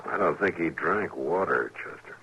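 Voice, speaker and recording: Marshal Matt Dillon, very deep gravelly western lawman. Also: lively intonation, bright, forceful tone, exaggerated voice. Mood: pondering, somber. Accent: American. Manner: terse, measured, commanding. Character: stern, steady western US marshal, grave and patient. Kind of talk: old-time radio drama acting. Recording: noisy vintage radio recording.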